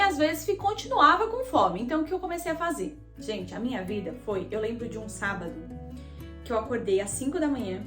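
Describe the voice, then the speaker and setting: A young woman vlogger from Brazil, with a Brazilian Portuguese accent, chats to camera in a confessional way about her own life, addressing viewers directly as "gente." She has a high voice, and the room echoes.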